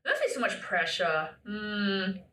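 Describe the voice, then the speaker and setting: A woman's voice: mid-range voice, expressive, measured pace, bright, forceful tone, recorded from a distance, slight background noise. Playful woman host in an echoey room. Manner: teasing, playful, laughs a lot. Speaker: podcast host. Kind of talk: casual podcast chat.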